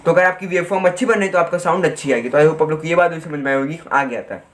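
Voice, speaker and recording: Fast-talking high-voiced man tutoring. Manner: chatty teaching in Hindi-English mix, reads textbook lines slowly. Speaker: physics tutor. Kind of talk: online physics lesson.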